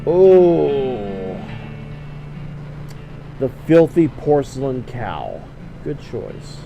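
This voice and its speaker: A man with a middling pitch narrates a video game as he plays it. He reads the on-screen text aloud and adds his own commentary, with guitar game music clearly behind him. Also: very animated, drawn-out words, mellow, dull audio.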